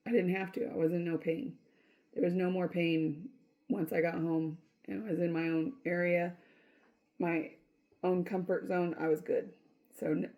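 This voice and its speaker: A woman's voice: on the low side, dark tone. A middle-aged woman tells a personal story in a loose, chatty way. She laughs often and stops to restart her sentences, with plenty of fillers. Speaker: vlogger telling her own surgery story. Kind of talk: casual storytelling.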